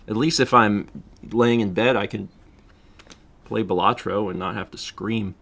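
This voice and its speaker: A man's voice: lowish voice, steady tone, a little slow, gravelly, a bit bright. A man chatting casually on his livestream, laughing often and reading out viewer donations. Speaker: streamer.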